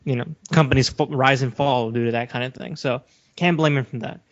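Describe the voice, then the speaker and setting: Speaking fairly quickly in a steady, mid-range voice, a man from a Western country co-hosts a podcast. He's assertive and emphatic about his opinions, casual in tone, and steers the discussion. Dull lo-fi audio.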